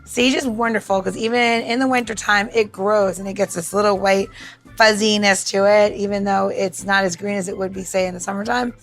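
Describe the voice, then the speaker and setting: A woman co-hosts a podcast and demonstrates drink recipes, her medium-pitched voice staying fairly even and running a little fast over faint background music. She talks casually and instructively, with an informal, emphatic, jokey manner.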